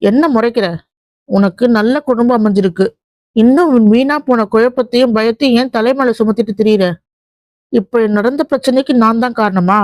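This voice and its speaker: A woman's voice: a little high, moderate pace, darkish tone, no room sound, natural voice. Woman reading as a blunt teasing younger sister. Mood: teasing scolding. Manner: blunt, scolding, joking.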